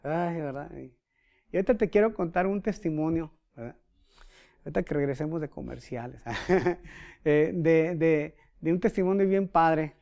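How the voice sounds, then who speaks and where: Brief: Mexican male pastor, sermon, animated anecdotal delivery. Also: fairly high pitch, moderate pace, gravelly. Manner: animated storyteller, acts out quotes. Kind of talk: sermon with storytelling.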